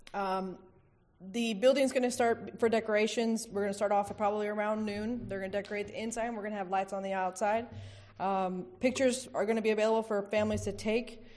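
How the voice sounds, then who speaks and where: A woman's voice: medium pitch, fairly even intonation, a little fast, darkish tone. A woman with a mid-range voice presenting at a public meeting. She speaks informally and keeps an upbeat manner as she briefs the room.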